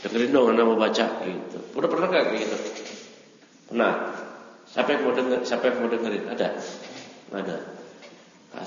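A man teaching a religious study circle, correcting a student's reading with teasing, scolding questions. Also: medium pitch. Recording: roomy, long reverb, dull lo-fi sound.

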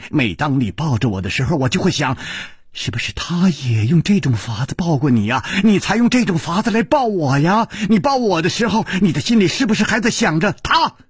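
A man voicing a sly young woman who teases and taunts in murmured half-whispers, with a very husky voice. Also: deep voice, sing-song, brisk, hardly any pauses, no echo, clean studio sound, heavily acted. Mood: taunting.

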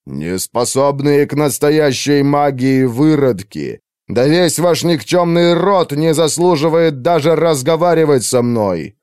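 A man's voice: lively intonation, a little slow, darkish tone, smooth, dry recording, studio quality. A man voicing a towering, arrogant male mage who thunders his threats with contempt. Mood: enraged. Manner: booming, contemptuous.

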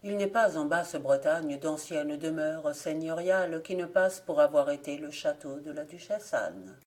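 A woman reading folk tales aloud as an audiobook narrator, with steady, clear storytelling. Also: sits low, moderate pace. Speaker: volunteer audiobook reader.

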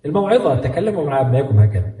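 A man's voice: a little high, very animated, very fast, warm tone, roomy sound, big-room sound, distant mic. A man with an Egyptian Arabic accent giving a Quran lesson as a sheikh, talking in a fatherly, coaxing way and answering questions. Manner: fatherly, coaxing, acts out parent-child talk. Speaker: sheikh teaching Quran commentary. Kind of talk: spoken religious lesson with live questions.

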